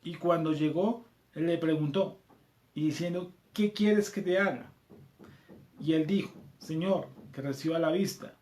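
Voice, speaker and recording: A Colombian man leads a scripture class, reading passages aloud and going over them again. His voice sits a little high for a man. The room around him is noticeably echoey. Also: unhurried, a little mellow. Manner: reads verses aloud, repeats them, checks in with "¿cierto?". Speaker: Bible study teacher.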